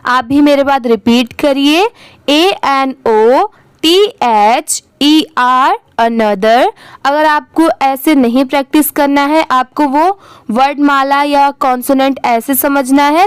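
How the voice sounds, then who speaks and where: High-voiced woman teaching reading. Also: no echo. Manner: spells words letter by letter, then asks and answers her own questions. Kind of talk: spelling-and-reading lesson, letters spelled out slowly.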